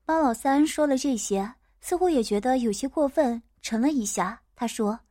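A woman narrating a first-person story in a steady audiobook manner. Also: high voice, normal speed, no echo, studio quality.

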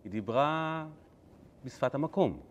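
A male rabbi giving a Torah lesson, telling the story in an animated, humorous way. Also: mid-range voice.

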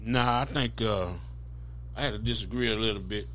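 A man's voice: fairly low pitch, steady tone, normal speed, fairly bright tone, slight background noise. A man co-hosting a sports podcast, speaking in a hesitant way. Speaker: podcast co-host. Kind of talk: casual sports talk.

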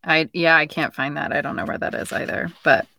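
Low, gravelly young woman, bright tone. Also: brisk. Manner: relaxed, thoughtful, reads passages aloud. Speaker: podcast co-host. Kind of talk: casual book discussion.

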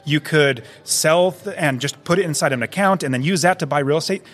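A man's voice: a little high, brisk, fairly bright tone. A man hosting a podcast, talking enthusiastically and rambling a little, peppering his speech with "like" and "literally", recorded on a conference floor. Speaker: podcast host. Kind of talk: conversational interview.

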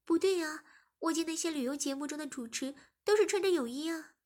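A woman's voice: brisk, a little mellow, lightly acted. A woman voicing a shy, easily flustered young woman who pleads and pouts in a raised voice. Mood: flustered pleading. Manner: high, pleading and pouting.

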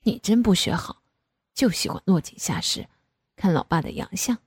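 Woman putting on a shy teasing dad voice, dropped low, kinda husky, dry close sound. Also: lively intonation, normal speed, a little mellow, dry recording. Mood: bashful. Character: adult man, teasing bashful father.

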